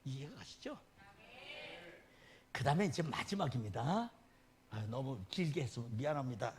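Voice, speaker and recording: A man preaching a sermon as a guest pastor, animated and often laughing as he tells stories. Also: moderate pace, a little hiss or hum. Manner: animated, laughing, dramatic swings in pitch.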